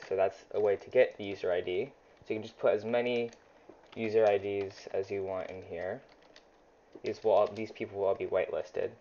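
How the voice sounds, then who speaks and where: A man's voice: on the low side, warm tone. A young man talking casually through a coding tutorial, thinking aloud while he types, with plenty of ums. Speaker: YouTuber teaching game scripting. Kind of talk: screen-recorded coding tutorial. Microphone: desk mic near a loud keyboard. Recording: dull lo-fi home mic, faint typing noise.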